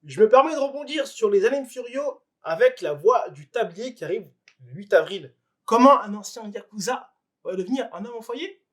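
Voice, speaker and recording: A man's voice: high voice, expressive, normal speed, a bit bright. A man hosting a casual anime news vlog, chatting straight to the viewer with plenty of fillers and restarts. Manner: chatty, addresses viewer directly, many fillers. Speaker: anime news video host.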